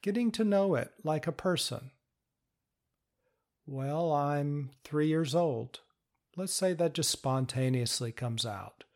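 A man giving a patient, step-by-step instructional talk, explaining calmly. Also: a little high, takes it slowly. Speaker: teacher of inner-parts work.

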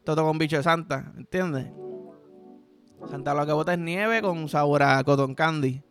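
A lewd old Santa Claus, put on by a man, coaxes in crude slang. The voice sits high and bright. Faint music plays behind. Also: normal speed, close to an everyday voice. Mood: coaxing.

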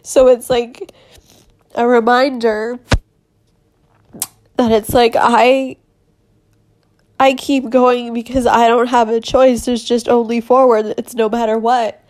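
Slow-talking young woman, tearful. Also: a little high, level tone, a little mellow. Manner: tearful, laughing through, halting with many "like"s. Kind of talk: emotional personal monologue.

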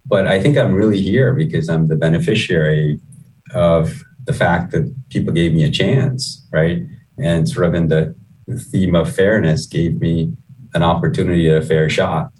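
A middle-aged chief executive with a low, darkish voice answers questions as an interview guest, keeping a steady tone. Born in Guyana, he moved to the US at eleven, and his measured, conversational delivery is sprinkled with "you know." He sounds somewhat distant from the microphone.

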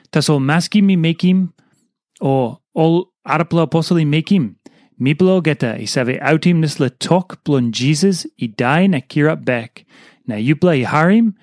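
Guy reading out a scripted devotional, voice a bit on the high side, really dry recording. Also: darkish tone, dry recording. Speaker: devotional reader.

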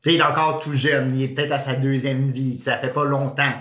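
A man's voice: medium pitch, level tone, fairly quick, a bit bright, echoey room. A man with a Québécois French accent, co-hosting a casual podcast chat and thinking aloud with lots of fillers. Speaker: podcast co-host.

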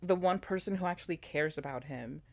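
Deep-voiced woman, talkative co-host, lots of restarts and fillers. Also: a little fast. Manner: animated, many fillers and restarts. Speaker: podcast co-host. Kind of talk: casual chat about a TV show.

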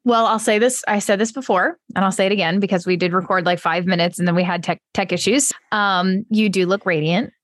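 A woman's voice: medium pitch, steady tone, fairly quick, few pauses, a little hiss or hum. A woman, around her thirties, co-hosting a podcast in a casual, conversational way. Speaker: podcast co-host. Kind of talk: casual chat.

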